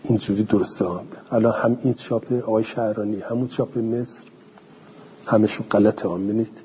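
A man's voice: lowish voice, steady tone, mellow, slight background noise. A male teacher giving a lecture, reading a passage aloud, then explaining it conversationally and answering his own questions. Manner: asks the class questions and answers them himself. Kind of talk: classroom lecture on a classical text. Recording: dull lo-fi recording with long hall reverb.

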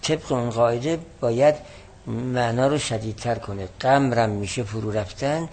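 A man giving a lesson on a classical text, explaining word meanings and reading passages slowly and more loudly. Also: mid-range voice, a little hiss or hum. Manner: explanatory, reads Arabic text slowly and louder. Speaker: teacher.

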